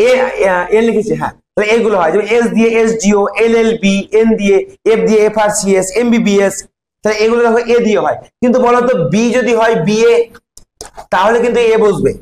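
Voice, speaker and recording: A man with a Bengali accent teaches a grammar class, walking his students through each step and pausing to quiz them. His voice sits high for a man. The classroom around him has a clear echo. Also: darkish tone. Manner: explains step by step, quizzing students. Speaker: English teacher. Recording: echoey classroom.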